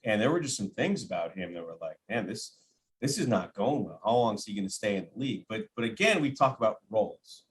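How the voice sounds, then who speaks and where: Fairly low-pitched and fairly quick, an animated radio play-by-play announcer discusses basketball as a podcast guest in easygoing conversation. He leans on repeated phrases for emphasis and acts out imagined quotes. A little hiss or hum can be heard.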